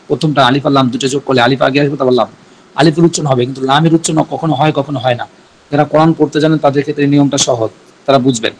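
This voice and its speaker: A man with a Bangladeshi Bengali accent teaching Arabic grammar in a recorded class, patiently repeating each point slowly. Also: mid-range voice, rough recording.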